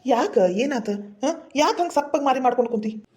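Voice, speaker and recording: Actress as a firm young North Karnataka husband scolding his mother, lightly raised pitch. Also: expressive, moderate pace, darkish tone. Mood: coaxing. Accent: North Karnataka Kannada. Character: young village husband, defends his wife. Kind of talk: village comedy skit.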